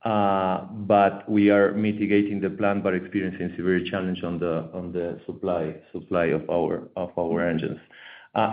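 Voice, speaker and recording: Guy presenting over a choppy conference call, low flat voice, tinny phone sound with echo, keeps stumbling and repeating words. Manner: halting, stumbling delivery with many repeated words. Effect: heard over a conference call line that keeps cutting out. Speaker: company executive presenting quarterly results.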